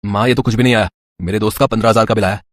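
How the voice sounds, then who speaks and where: A man voicing a relaxed grown son in a cartoon, talking offhandedly. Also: fairly low pitch, very fast, dry recording, clean studio sound, pitched below the performer's own voice, close to an everyday voice. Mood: offhand.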